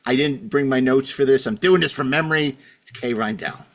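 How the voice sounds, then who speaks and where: A middle-aged podcast host introduces things casually, speaking a little fast in a mid-range voice. He comes across as rambling, wry and self-deprecating.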